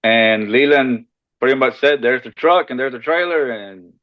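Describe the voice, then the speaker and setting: A man's voice: mid-range voice, moderate pace. Man, from Costa Rica, podcast guest, easygoing, friendly, restarts words, slightly dull sound. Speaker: shed hauling business owner, podcast guest. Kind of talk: casual interview chat.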